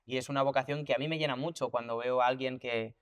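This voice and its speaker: A voice teacher and actor talks through his ideas in a relaxed, conversational interview, thinking aloud with restarts and repetitions and explaining through hands-on examples and comparisons. His smooth, medium-pitched voice is fast and reflective. The sound is dry with little room echo, and the highs are cut off.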